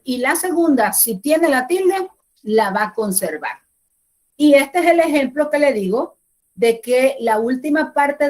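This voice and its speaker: Woman, slightly high voice, slow and methodical classroom explainer. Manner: explains step by step, repeats key points. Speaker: Spanish teacher. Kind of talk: classroom grammar lesson.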